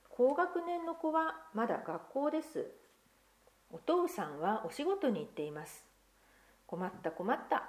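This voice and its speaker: A woman leading a church children's talk, asking Bible quiz questions and then reading a picture book aloud with gentle, expressive storytelling and voices. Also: medium pitch.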